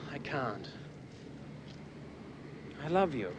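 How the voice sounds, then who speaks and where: A man's voice: mid-range voice, very animated, extremely slow. An actor playing an earnest, lovesick man pleading urgently in a television drama. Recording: noisy outdoor sound with boat engine.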